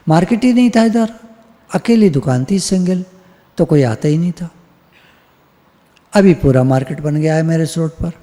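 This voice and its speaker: An older man speaks as a spiritual teacher in a relaxed, conversational devotional talk, his voice mellow yet pitched a little high. He drives points home by repeating phrases. A long, hall-like reverb trails behind every word. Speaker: spiritual teacher leading satsang. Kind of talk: informal devotional talk at an online meeting.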